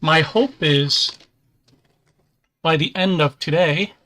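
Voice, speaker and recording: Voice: mid-range voice, takes it slowly, fairly bright tone. A host chatting casually on a livestream while building a model kit, easygoing, with dry self-deprecating humor.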